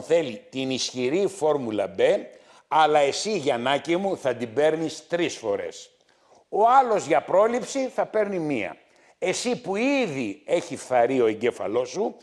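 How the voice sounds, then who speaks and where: A middle-aged man hosting a health show as a doctor, scolding his viewers loudly and repeating his points again and again. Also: fairly high pitch, sing-song. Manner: loud, scolding, repetitive, hammering points. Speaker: TV doctor host.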